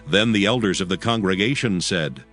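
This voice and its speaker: A man's voice: low-pitched, animated, moderate pace, fairly bright tone. A man narrating scripture in a solemn, scripted style for a dramatized audio Bible. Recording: music bed behind the voice. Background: background music.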